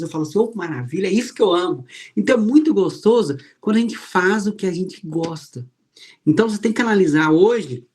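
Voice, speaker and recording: A man preaching a sermon, telling personal stories and acting out the people he quotes. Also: darkish tone. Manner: storytelling, acts out quoted voices with rising pitch.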